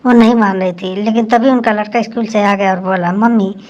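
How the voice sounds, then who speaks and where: A woman narrating a first-person story with an even, steady reading delivery. She reads like a practiced storyteller. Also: mid-range voice, a little fast, muffled recording.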